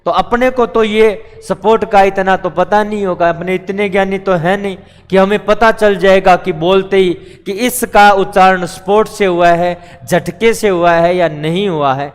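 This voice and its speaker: A man's voice: high-pitched, fairly even intonation, measured pace, smooth. A man teaching Hindi grammar in a live online class, explaining patiently step by step and answering his own questions. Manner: patient, explains step by step, calls students beta; repeats questions and answers them himself. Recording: long echo of a reverberant room.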